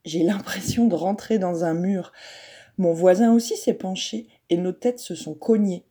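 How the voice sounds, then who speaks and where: Woman, children's storybook narration, soft, gentle, mellow voice. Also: lowish voice, a little slow, breathy edge.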